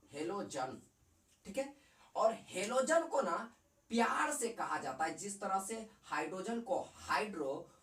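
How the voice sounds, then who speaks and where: A man's voice: high-pitched, fairly bright tone, far from the mic. Bihari guy teaching chem, voice jumps all over, kinda roomy and off mic. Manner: chatty, repeats and quizzes the viewer, mixes in dialect. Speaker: chemistry teacher. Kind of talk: casual classroom lecture.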